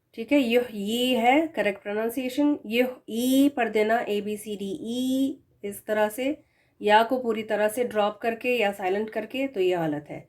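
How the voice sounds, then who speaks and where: A woman teaching a recorded Quran recitation lesson who slows down to model correct and wrong pronunciations, with earnest, admonishing asides. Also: fairly high pitch, a little mellow. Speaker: tajweed teacher.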